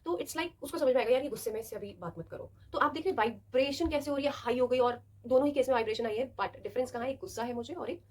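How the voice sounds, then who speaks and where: A woman's voice: high voice, fast talker, few pauses. A young adult woman hosting a self-help video, talking casually and expressively and acting out little scenes as she explains. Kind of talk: casual motivational talk to camera.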